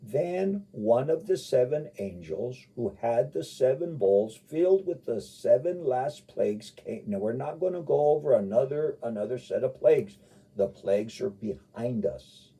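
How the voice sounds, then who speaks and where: Gravelly, muffled man preaching informally. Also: animated, unhurried, mellow. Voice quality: husky, gravelly. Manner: folksy, rambling, with emphatic repetition. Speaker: Bible teacher and live radio host. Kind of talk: informal live radio sermon and Bible study. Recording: muffled, low-budget live radio sound.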